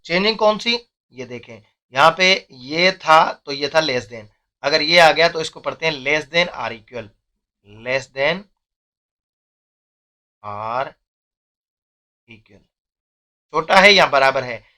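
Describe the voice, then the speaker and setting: A young man teaching math, his voice bright and a little high. He explains step by step in a patient classroom manner, checking in often. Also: animated, measured pace. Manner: explains step by step, often says "theek hai".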